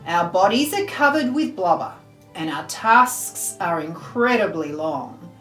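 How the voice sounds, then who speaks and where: A woman's voice: lowish voice, animated, measured pace, fairly bright tone, distant mic. A woman voicing a grumpy, proud walrus from a picture book, pompous and bellowing. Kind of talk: picture book read-aloud in verse. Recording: roomy echo, faint music behind.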